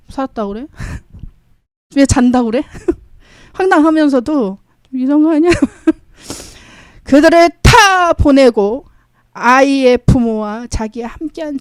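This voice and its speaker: A woman's voice: a little high, a little mellow, clear, resonant tone, no echo, clean studio sound. A woman preaching a church sermon, reading scripture aloud and asking the congregation questions, with frequent hallelujahs.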